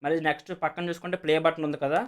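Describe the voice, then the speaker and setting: Speaking very fast, a Telugu-accented man with a voice on the high side keeps his pitch fairly flat. He hosts a video casually explaining and demonstrating a product, with lots of repetition and frequent English words.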